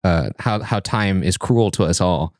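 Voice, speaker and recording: A man hosting a podcast from an indoor studio, his voice sitting a little low. He talks casually, with jokey, self-mocking asides. The energy stays loose and animated. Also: unhurried. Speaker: podcast host.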